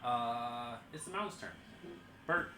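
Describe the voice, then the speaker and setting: A man's voice: medium pitch, expressive, slow pace. A man running a tabletop game as dungeon master, chuckling and muttering dice results. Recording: roomy podcast mic with loud noise.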